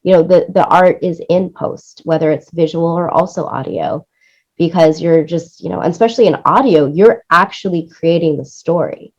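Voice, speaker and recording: A music supervisor and producer appears as an interview guest, talking about her production work in an enthusiastic, rambling way. Her voice is lowish and her pace moderate, and the recording has its highs cut off.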